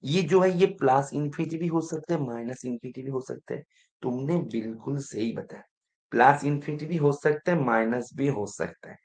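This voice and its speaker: A man's voice: mid-range voice, moderate pace, darkish tone. A man teaching math in an exam-prep lecture, who keeps quizzing the students and repeating his prompts to pay attention.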